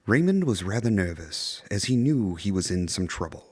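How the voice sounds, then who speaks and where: Guy doing old-style horror anthology narrator, measured and theatrical, lowish voice, very dry sound. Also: very animated, darkish tone, slightly rough, dry recording, full character voice. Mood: storytelling. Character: theatrical, genteel male horror anthology host. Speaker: host and narrator. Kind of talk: scripted vintage-style horror storytelling.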